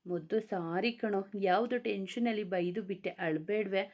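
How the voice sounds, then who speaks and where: A woman voicing a gentle young husband in a family storybook tale, talking in a tender, pleading way. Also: mid-range voice, normal speed, muffled recording, lightly acted. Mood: apologetic.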